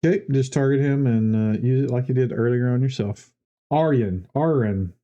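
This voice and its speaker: A man with a very dark, mellow voice narrates a tabletop game as its game master. He sets each scene loosely and conversationally, his pitch sitting in an ordinary middle range. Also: brisk, muffled recording.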